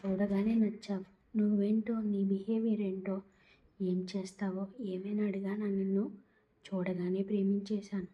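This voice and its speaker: A woman's voice: mid-range voice, highs cut off, natural voice. A woman voicing a drunk, lovesick young woman who pleads in a slurred, giggly way. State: tipsy.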